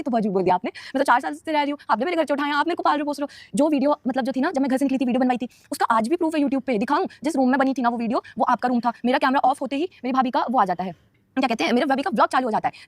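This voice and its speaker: A high-sitting female voice with no room sound belongs to a young woman on a casual stream. Defensive and emotional, she rattles off answers to viewers' questions while addressing them head-on.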